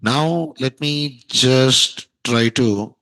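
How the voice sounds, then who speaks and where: A man's voice: mid-range voice, extremely slow, a bit bright, dry recording, rough recording. A man teaching a programming class, quizzing students and repeating key terms. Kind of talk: classroom lecture.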